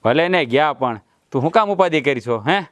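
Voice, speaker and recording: A man plays a proud, blustering middle-aged village husband in a family drama, boastfully swearing he'll fix things with plenty of swagger. His fairly high voice, close to an everyday one, has lively intonation at normal speed, recorded dry.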